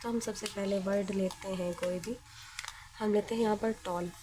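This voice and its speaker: A woman's voice: medium pitch, fairly even intonation, moderate pace, background noise. A woman teacher explaining grammar step by step in a patient manner, often asking questions and then answering them herself.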